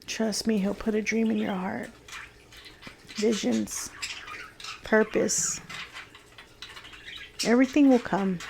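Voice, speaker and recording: A woman's voice: mid-range voice, fairly even intonation, slow pace, gravelly, long pauses, darkish tone, slight background noise. A woman talking earnestly in a personal vlog, reflective and heartfelt, with a few laughs. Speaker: vlogger sharing a faith journey.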